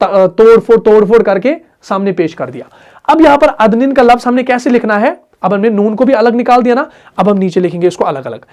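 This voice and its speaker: A man's voice: very high voice, a little mellow. A man with a Pakistani Urdu accent leads a recitation lesson. He works through each point step by step. He keeps asking the class short questions and then answers them himself. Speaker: Quran recitation teacher. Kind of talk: classroom explanation.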